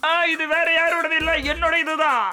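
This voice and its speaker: A man's voice: extremely high pitch, little pitch movement, normal speed. An actor voicing Jingu, a greedy boastful male thief in a dubbed cartoon, sing-song and whiny. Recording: music bed under voice.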